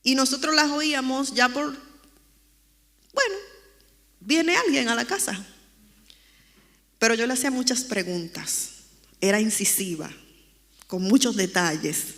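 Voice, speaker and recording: A woman recounts her personal testimony in a church sanctuary, speaking with earnest emotion. Her voice is bright and forward, and the room gives it a long, ringing reverb. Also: fairly high pitch, animated, a little slow, long pauses. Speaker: church member giving testimony.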